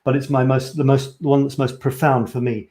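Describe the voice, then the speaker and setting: A man originally from Scotland leads a live-streamed photography class, talking eagerly and rambling a little as he restarts his sentences. His voice is mellow and sits at an ordinary pitch. The room around him adds a noticeable echo. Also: level tone, a little fast. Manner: enthusiastic, chatty, self-correcting. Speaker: photography coach. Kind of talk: live-streamed course presentation.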